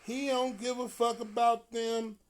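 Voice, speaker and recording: A man telling a profane story in a casual, animated way, often breaking into laughter. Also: extremely high pitch, unhurried, background noise.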